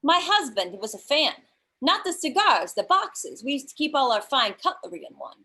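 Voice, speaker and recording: A woman playing a blunt, sharp-tongued old mother. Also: sits high, moderate pace, full character voice. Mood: sardonic. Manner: blunt, deadpan insults. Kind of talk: amateur sitcom table read.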